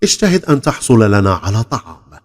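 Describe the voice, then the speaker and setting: A man's voice: on the low side, big pitch swings, fast talker, faint music behind. A man voicing a menacing, commanding bandit chief in a storybook tale, emphatic and declamatory. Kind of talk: storybook character acting. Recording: long hall reverb on the voice.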